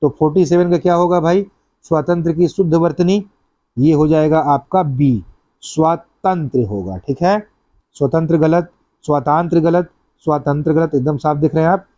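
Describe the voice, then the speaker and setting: A man's voice: fairly high pitch, moderate pace, warm tone, dry recording, muffled recording. A man teaching an exam-prep class, going through practice questions step by step and repeating each answer.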